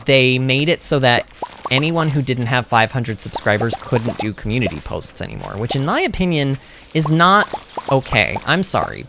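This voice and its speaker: Background noise sits under a mid-range voice as a native English speaker streams a farming game. They ramble casually and answer chat, animated and emphatic throughout.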